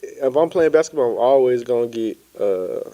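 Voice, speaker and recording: A young man from Florida, a podcast guest telling his story in an easygoing, relaxed way. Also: mid-range voice, moderate pace, highs cut off. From Pensacola, Florida. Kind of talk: casual interview chat.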